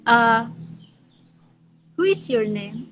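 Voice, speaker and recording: A woman's voice: on the high side, expressive, fairly bright tone, a little hiss or hum. A woman student hesitantly reading a classroom dialogue aloud. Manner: hesitant, halting.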